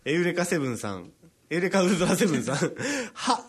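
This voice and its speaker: A man on a comedy radio show, reading out listener jokes at a quick clip and breaking into laughter. His voice sits fairly high and swings widely in pitch. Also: big pitch swings, slightly rough. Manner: fast, laughing often, playful teasing.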